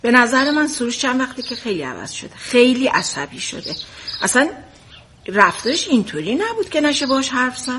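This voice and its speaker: A woman's voice: high-pitched, very animated, a bit bright, a little hiss or hum. An actress playing a nagging, exasperated daughter who pesters her brother and parents. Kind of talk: family drama acting.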